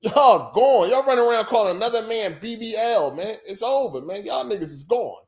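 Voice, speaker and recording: Pitched high and expressive, this brisk male voice belongs to a podcast host from Philadelphia. On his casual livestream he rambles loosely, swears freely, and says things over again for effect.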